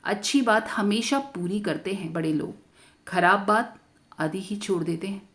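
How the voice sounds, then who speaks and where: Expressive woman reading a story aloud. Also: mid-range voice, normal speed, husky. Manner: expressive, voicing a young girl in first person. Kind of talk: scripted story narration.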